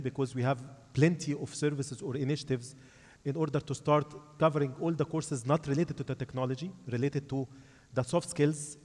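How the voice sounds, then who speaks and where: Speaking for a tech company on a panel in a large conference hall, a man with a mid-range, somewhat dark voice gives an explanatory answer, repeating and rephrasing himself. The hall is echoey with long reverb.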